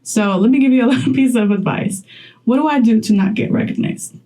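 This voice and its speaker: A young Polish content creator talks straight to camera in a chatty vlog, laughing often while giving advice. Her voice is a little high, brisk and mellow.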